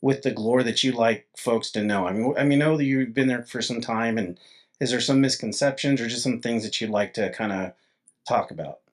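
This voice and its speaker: A man's voice: medium pitch, a little fast. Casual male interviewer with mid-range voice. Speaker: interview host.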